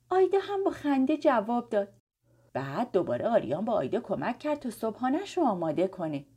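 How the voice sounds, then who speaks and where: A woman's voice: medium pitch, darkish tone, slightly rough. A woman narrating a bedtime story for children, affectionately addressing them directly.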